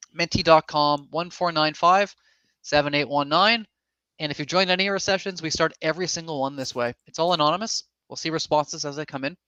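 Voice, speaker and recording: A man's voice: on the high side, fairly bright tone, smooth, no room sound. Upbeat man hosting on a video call. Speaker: co-host of an online summit, lawyer. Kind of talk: casual presenting to an online audience. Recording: slightly dull, dry video-call audio.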